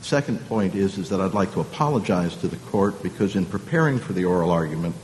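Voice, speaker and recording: Low-voiced male lawyer, halting, in a hall. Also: lively intonation, darkish tone. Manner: deliberate, halting with frequent hesitations. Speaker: appellant's lawyer. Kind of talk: formal oral argument to a court. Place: large conference hall. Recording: reverberant hall, faint rumble.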